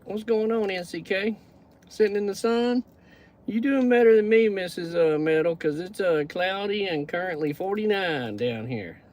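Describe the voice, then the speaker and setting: A man's voice: high-pitched, normal speed, darkish tone, muffled recording. A Texan man hosting a casual livestream, chatting in a folksy way and greeting viewers by name. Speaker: livestream host. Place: pickup truck.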